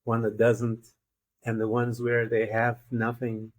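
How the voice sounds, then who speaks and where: A man's voice: medium pitch, completely flat delivery, slow. A man from Guyana hosting an interview, talking in a thoughtful, meandering way with many fillers. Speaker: interview host. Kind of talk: casual interview conversation.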